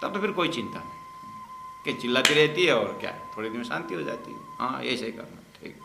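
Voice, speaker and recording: A man, a spiritual teacher, telling a humorous story as part of a religious lesson in a jokey, lively way. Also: mid-range voice, fast, gravelly, roomy sound, music in the background.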